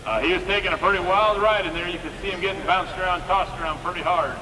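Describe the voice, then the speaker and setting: A man's voice: high voice, quick pace. A man announcing a tractor pull live over a PA at an outdoor fairground, calling names and results in informal, folksy phrasing. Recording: echoey outdoor PA, distant, loud engine noise. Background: loud vehicle and outdoor noise.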